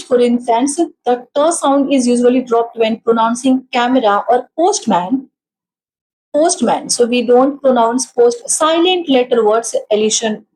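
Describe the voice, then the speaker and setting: A tired woman with an Indian accent teaching an exam-prep lecture, mixing Hindi and English, slow over definitions and quick in her explanations. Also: fairly high pitch, a little mellow, low-quality recording.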